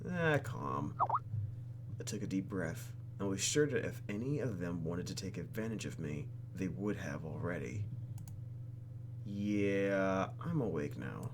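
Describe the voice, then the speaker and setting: Amid background noise, a deep-voiced YouTube gamer reads visual novel text for a let's play in an expressive, unhurried way. His reactions are theatrical and exaggerated.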